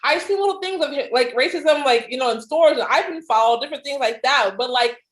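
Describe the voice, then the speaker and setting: A woman's voice: sits high, fairly quick, echoey room, low-quality recording. A woman in casual podcast chat, speaking candidly with many fillers and acted-out quotes. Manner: candid, filler-heavy, acts out quoted voices. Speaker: podcast co-host.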